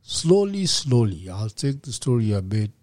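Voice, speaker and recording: Kenyan man in his fifties, interview guest; relaxed, reflective storytelling with a dry, close sound. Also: mid-range voice, no room sound. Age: 50s. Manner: reflective, unhurried, slips in Swahili words. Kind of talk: personal storytelling in a podcast interview.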